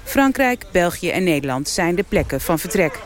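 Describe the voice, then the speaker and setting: A woman's voice: fairly low pitch, big pitch swings, normal speed. A woman correspondent narrates a scripted radio report. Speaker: foreign correspondent.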